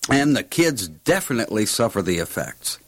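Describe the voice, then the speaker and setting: A man playing a calm, wise father in a children's audio drama, explaining things in a measured, reassuring way. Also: lowish voice. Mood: calm, serious.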